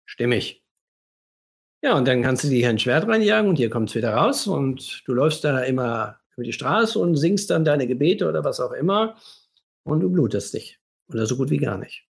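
A hypnotherapist delivers an emphatic, explanatory livestream monologue in a scratchy, husky voice that sounds slightly under the weather. He stretches out key phrases and poses rhetorical questions, speaking at medium pitch with lively intonation and a moderate pace.

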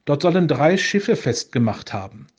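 A man's voice: fairly high pitch, sing-song, moderate pace, darkish tone, slightly rough, highs cut off. A man reading the lines of a hungry, anxious young boy in a spoken storybook legend. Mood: earnest.

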